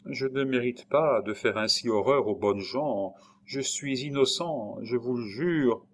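A man reading aloud, voicing a weary, wrongly accused man who speaks softly and with resignation. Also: mid-range voice, unhurried, a little hiss or hum, close to an everyday voice. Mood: resigned. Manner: soft, subdued and resigned. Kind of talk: audiobook reading.

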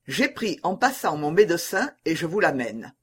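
A man's voice: on the high side, very animated, normal speed, breathy edge. A man reading as a scheming churchman rallying the people. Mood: assured. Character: scheming, assured male churchman, a leader of the people. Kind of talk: audiobook novel reading.

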